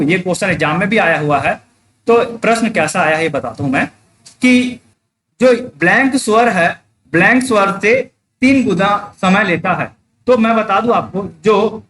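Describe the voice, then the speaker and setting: High-voiced man teaching a class. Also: a bit bright, a little hiss or hum. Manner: explains step by step, repeats points, checks understanding; reads out students' names in a live class. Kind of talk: online exam-prep class.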